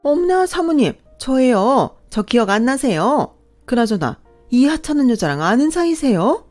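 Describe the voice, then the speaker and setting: A woman's voice: sits high, very animated, moderate pace, a little mellow, faint music behind, voice pushed up. A woman voicing a haughty, rude middle-aged woman who sneers with open contempt in a radio story reading. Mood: sneering.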